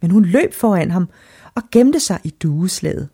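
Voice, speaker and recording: A woman narrating a fairy tale aloud in an expressive storybook reading style. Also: on the low side, breathy edge.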